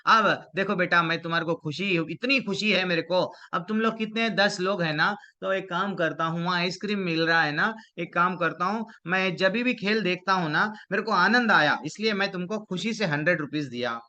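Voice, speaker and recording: A man's voice: sits high, normal speed, few pauses, dull audio. A man voicing a kindly, clever older man. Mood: coaxing. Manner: warm, coaxing, talks gently to children.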